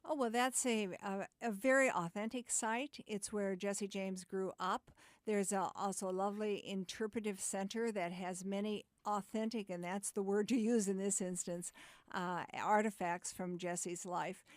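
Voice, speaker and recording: Female American author guest, middle register, deliberate conversational explainer, dry radio recording. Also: mid-range voice, steady tone, dry recording.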